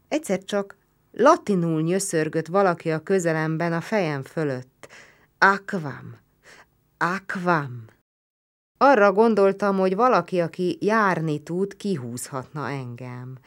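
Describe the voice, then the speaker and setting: A woman reading a novel aloud in a slow, sombre manner. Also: sits low. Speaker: audiobook reader. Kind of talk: literary narration.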